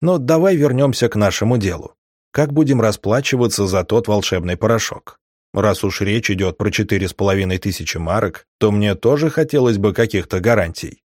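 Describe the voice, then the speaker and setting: A man's voice: on the low side, a little mellow, no echo, close to an everyday voice. Man reading a wry, cautious male mage. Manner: measured and dry, close to the reader's own voice.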